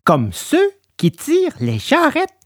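A woman voicing a gentle, wise little female marmot who consoles with sighs. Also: high-pitched, huge pitch swings, takes it slowly, dry recording, clean studio sound, exaggerated voice. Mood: consoling. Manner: consoling, sighing. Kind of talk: storybook drama.

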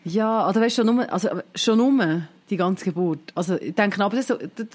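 A woman's voice: mid-range voice, a little fast. Reflective Swiss German woman talking. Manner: reflective, thinks aloud with many fillers. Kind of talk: casual chat.

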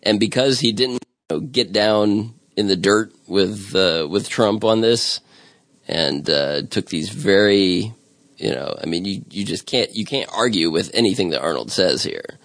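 A man's voice: lowish voice, measured pace, a bit bright, no room sound. A man hosting a casual podcast chat, talking in a rambling, amused way with many restarts. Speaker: podcast host.

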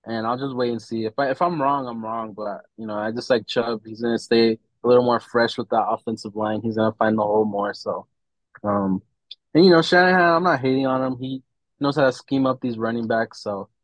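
Male podcast host, average pitch, opinionated sports talk in loose slang, very dry sound. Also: a little fast, no room sound, rough recording. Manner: slangy, opinionated, says "bro" often. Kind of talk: casual sports chat.

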